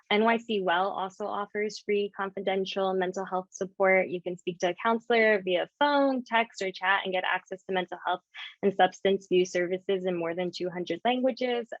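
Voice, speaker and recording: A woman's voice: medium pitch, dry recording, dull audio. A woman hosting a panel, affirming answers and asking questions conversationally. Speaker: host. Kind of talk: moderating a panel discussion.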